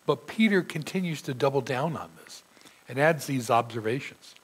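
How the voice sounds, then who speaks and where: During a sermon in the church sanctuary, a middle-aged pastor with a sore throat preaches earnestly and reads scripture aloud with emphasis. He speaks at a moderate pace in a husky, expressive, medium-pitched voice, captured on poor audio.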